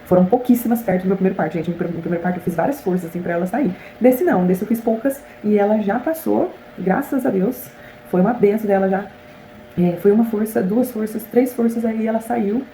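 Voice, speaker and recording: Young Brazilian woman vlogger, quick and chatty, warm low voice, slight room echo. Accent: Brazilian Portuguese. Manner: animated, chatty, frequent "gente" and "né" asides. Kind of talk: casual storytelling to viewers. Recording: echoey room with faint hiss.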